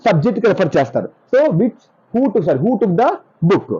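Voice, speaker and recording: A teacher with a lively, up-and-down voice, working through grammar notes and reading each example sentence slowly. The tone is mellow and a little husky. The recording sounds dull and lo-fi. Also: mid-range voice. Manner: repeats points, corrects own slips. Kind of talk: explaining English grammar notes.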